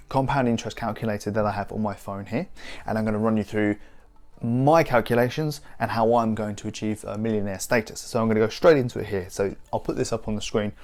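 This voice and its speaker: Rambling low-voiced man in his thirties. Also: darkish tone. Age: 30s. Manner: rambling, frequent restarts and fillers. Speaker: investing YouTuber. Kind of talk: casual explainer to camera.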